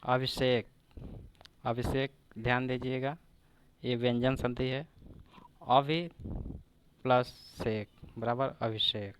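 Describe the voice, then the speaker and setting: A man teaches exam-focused grammar, dissecting examples slowly word by word and saying them again. His medium-pitched voice is steady, and a little hiss or hum sits in the audio.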